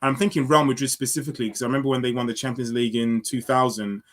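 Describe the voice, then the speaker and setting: Man, from London, thirties, reflective interview guest, casual, restarts sentences, mid pitch. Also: little pitch movement, racing. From London, England. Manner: reflective, many fillers and restarts. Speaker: football guest.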